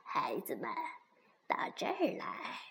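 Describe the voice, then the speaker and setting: Woman doing a breathy whispering granny bear. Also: sits low, wildly swooping pitch, slow, pitched below the performer's own voice, full character voice. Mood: gentle. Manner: soft, breathy half-whisper. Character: kind gentle old granny bear.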